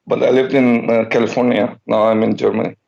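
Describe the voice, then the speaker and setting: A male caller, born in Switzerland, answers haltingly on a debate phone-in, full of "uh"s and repeated words. His voice sits at a middle pitch. The line sounds dull and muffled. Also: flat delivery, creaky, a little mellow. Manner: hesitant, many fillers and repeats.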